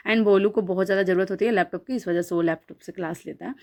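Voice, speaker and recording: A woman's voice: medium pitch, steady tone, fast, darkish tone. Chatty young woman narrating her vlog. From Bihar, India. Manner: chatty, rambling, with many fillers and restarts. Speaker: vlogger. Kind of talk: casual voice-over vlog narration.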